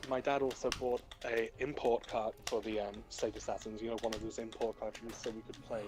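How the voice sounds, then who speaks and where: A man's voice: on the low side, level tone, fairly quick, low-quality recording. Chatty British man over game music. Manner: chatty, rambling with fillers. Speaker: stream co-host. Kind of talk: casual chat. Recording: loud game music behind.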